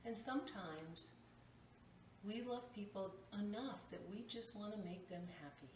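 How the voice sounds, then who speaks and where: A library storytime host, she reads a picture book aloud to kids and puts it in simple terms, her medium-pitched voice a little slow and slightly mellow. The recording comes from a distant mic in an echoey room, with faint background noise.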